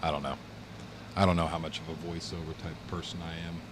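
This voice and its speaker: With a fan blowing near the mic and a noisy background, a game streamer talks fast in a flat bass voice. He rambles casually with viewers on his livestream, laid-back, though his chest is congested from a recent illness.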